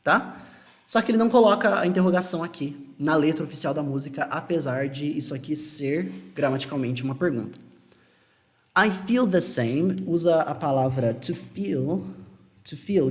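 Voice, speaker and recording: A Brazilian man giving a casual English lesson, explaining phrases patiently and repeating them. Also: on the high side. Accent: Brazilian Portuguese. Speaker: English teacher.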